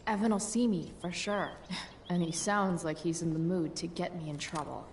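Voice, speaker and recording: A woman's voice: lowish voice, fairly even intonation, moderate pace, distant mic, a little hiss or hum, lightly acted. An actress playing a sarcastic, rebellious teenage girl in a video game, muttering dry, slangy asides. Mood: sly, muttering.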